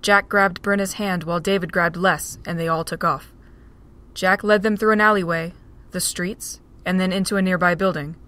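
A woman narrating an amateur audio drama with an even, steady reading. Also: fairly low pitch, moderate pace.

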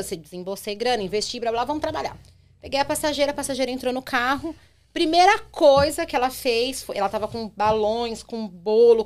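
A young adult woman, a rideshare driver telling a story on a podcast in an animated way. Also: fairly high pitch. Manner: animated, acts out quotes in her telling.

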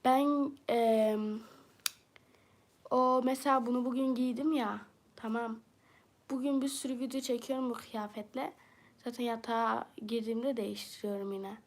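A woman with a southeastern Turkish accent talks casually on a livestream, reading viewer comments and answering them bluntly. Her voice sits a little high. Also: fairly even intonation, moderate pace. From southeastern Turkey.

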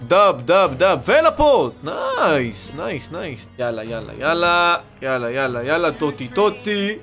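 A young man giving excited, slangy commentary while opening game packs, pleading for good cards and shouting at big pulls. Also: on the high side. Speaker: gaming YouTuber. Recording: music playing underneath.

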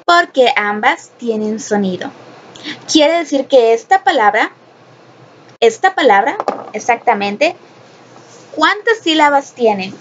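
Slow, patient woman teaching phonics. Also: on the high side, lively intonation. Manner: explains slowly, repeats and asks rhetorical questions; mixes Spanish and English. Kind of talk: recorded classroom lesson. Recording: dull lo-fi sound with faint noise.

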